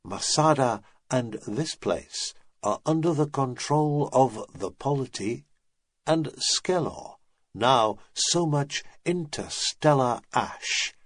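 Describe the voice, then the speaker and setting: Breathy old guy, voiced by a male narrator, bland and calm, slow and dry. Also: medium pitch, no room sound. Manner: measured, unemotional.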